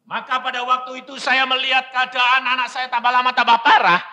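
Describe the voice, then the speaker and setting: A man preaching a sermon, telling a story and acting out the dialogue, swinging from hushed lines to shouted ones. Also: very high-pitched, completely flat delivery, brisk. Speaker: pastor.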